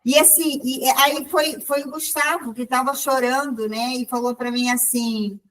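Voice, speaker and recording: Woman, high-pitched, heard from a distance, casual spiritual storytelling, frequent restarts. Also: steady tone, normal speed, a bit bright. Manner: storytelling with many restarts and quoted dialogue. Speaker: participant in a spiritual group meeting.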